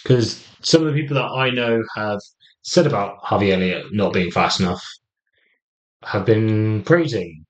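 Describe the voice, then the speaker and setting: A man with an English accent co-hosting a football podcast in casual, teasing chat with his brother. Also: a little slow. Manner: teasing, jokey, lively pitch swings. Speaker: podcast co-host. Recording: slightly dull lo-fi sound.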